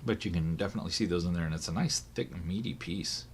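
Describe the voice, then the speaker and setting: Still hoarse as he recovers from an illness, a man reviewing watches talks his way through an unboxing in a casual, think-aloud style full of fillers and corrections. His voice sits low and he speaks fast.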